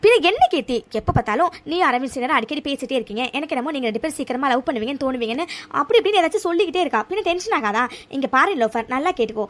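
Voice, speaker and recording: Cartoon heroine, young college woman, high and rapid, easily riled, voiced by a woman. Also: lively intonation, fairly bright tone. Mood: angry. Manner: fast, exasperated, rising to anger.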